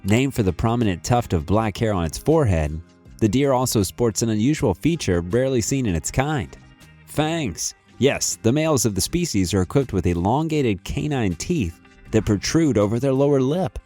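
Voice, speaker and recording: A man's voice: mid-range voice, lively intonation, moderate pace, warm tone, soft background music. A man reading scripted nature documentary narration.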